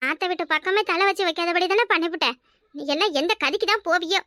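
A woman voicing a fierce quarrelsome village wife in a cartoon, with a shrill scolding manner and a Kanyakumari Tamil accent. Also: quick pace, sharp tone, no echo, clean studio sound. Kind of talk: cartoon voice acting.

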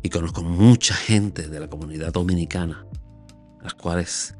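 Speaking low and darkish at normal speed, this man from Puerto Rico, in his sixties, delivers an earnest, emphatic scolding to his YouTube viewers. He gestures as he talks alone in a small home room, close to a large boom studio mic, his Puerto Rican Spanish accent clear over soft background music.

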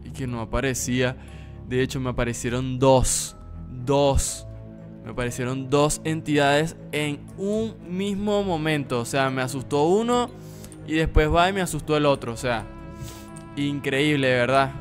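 A man's voice: mid-range voice, a little slow, over music. A young man giving casual let's play commentary, slangy and swearing, easily frightened. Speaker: gaming YouTuber.

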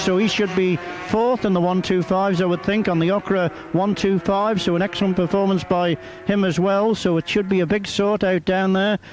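A man with a high-pitched voice is commentating live on the radio. He follows a motorcycle race as it unfolds. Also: slight background noise.

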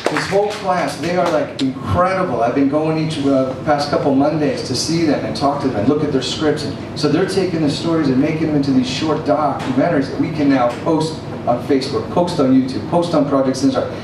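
His voice on the high side, a middle-aged film panelist speaks a little fast with few pauses, casually answering audience questions in slangy terms. The setting is a small cafe gallery; he uses a handheld mic, and the far camera captures an echoey, noisy room.

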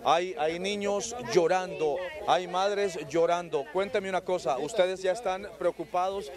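A man's voice: sits high, steady tone, a little slow, a crowd in the background. A man with a Honduran accent reporting live from the street and putting questions to residents. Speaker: field reporter. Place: outdoors on a street. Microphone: handheld microphone.

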